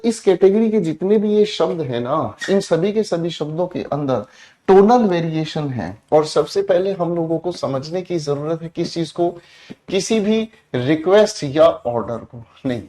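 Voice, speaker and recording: Male tutor, fairly high voice, lectures a class, repeats himself, keeps asking "got it?", jumps from loud to soft. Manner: repetitive, addresses students directly, asks check questions; switches between loud emphatic and soft low delivery. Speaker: English teacher.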